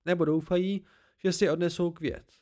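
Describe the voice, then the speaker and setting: A man performs the role of Bast, an unstable young fae, for an amateur audiobook, with light acting. The character is agitated, bursting into high, excitable pleas and shouts.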